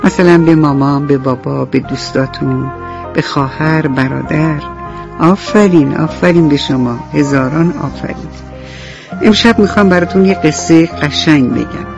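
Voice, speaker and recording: A man telling a children's bedtime story on the radio, gently asking the young listeners questions as he goes. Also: a little high, creaky, highs cut off, music in the background. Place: radio studio.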